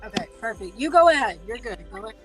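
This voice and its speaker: A woman's voice: a little high, animated, quick pace, music in the background. A woman joining a livestream by remote call, her connection breaking up and cutting out as she gives brief, reassuring replies. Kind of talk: casual chat.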